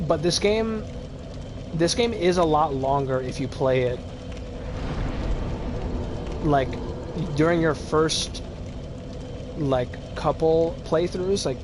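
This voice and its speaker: A man streaming a video game, giving casual, rambling commentary full of fillers and quick chuckles. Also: fairly high pitch, background noise. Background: game music.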